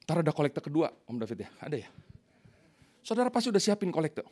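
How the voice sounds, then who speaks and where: Husky, animated male pastor preaching. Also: on the high side, quick pace. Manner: animated storytelling, addressing the congregation. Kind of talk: sermon. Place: church.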